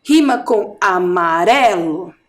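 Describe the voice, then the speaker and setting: A woman's voice: lowish voice, animated, takes it slowly. A Brazilian woman teacher giving a recorded video lesson for adults. She talks in a sing-song way, stretches out words to show rhymes, and keeps checking in with "certo?" and "ok?". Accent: Brazilian Portuguese.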